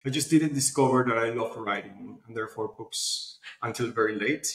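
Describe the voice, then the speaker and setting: Guesting on an interview, a man who founded a platform relates his story in relaxed, conversational phrasing. He speaks at normal speed with a medium pitch, a bit of vocal fry, and a slightly bright tone, captured with a roomy echo.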